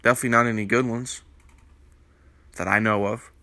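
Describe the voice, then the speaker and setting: A man hosts a basketball news panel in a fairly low, steady, creaky, sharp voice, speaking a little fast. A sinus infection leaves him with a congested morning voice as he rambles through opinionated commentary with many fillers. The recording is dry.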